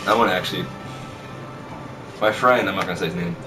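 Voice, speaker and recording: Speaking fast in a low-pitched voice, a teen or young adult vlogger tells casual stories about school from his small bedroom. His style is brash and sweary, with plenty of repetition, and the audio comes from a camera mic at a distance with loud music playing.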